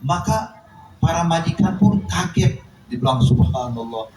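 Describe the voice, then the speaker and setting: A man's voice: on the high side, normal speed. A man preaching a sermon, telling a story and acting out its dialogue with animation. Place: mosque or study hall. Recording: echoey hall, distant mic, noise.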